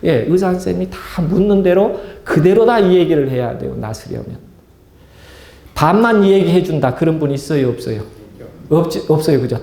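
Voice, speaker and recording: A man's voice: on the high side, mellow, roomy sound. A male pastor preaching a sermon, asking the congregation questions and acting out small scenes to make his point. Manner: asks the congregation questions and acts out little scenes.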